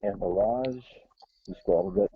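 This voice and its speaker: A man's voice: mid-range voice, big pitch swings, a little slow, gravelly, a little hiss or hum. A man calling in to a board game, his voice muffled as if heard through a wall because his hand covers the mic, giving short, hesitant moves and questions. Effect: muffled, as if through a wall, hand over the mic. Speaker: board game opponent on a call. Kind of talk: casual game talk. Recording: dull, muffled, distant sound.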